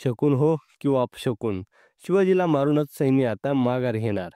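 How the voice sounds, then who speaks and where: A man's voice: medium pitch, expressive, moderate pace, warm tone, clean tone, no room sound, studio quality, lightly acted. A man reading the lines of an arrogant, angry army general in a storybook narration, commanding and scornful. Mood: defiant.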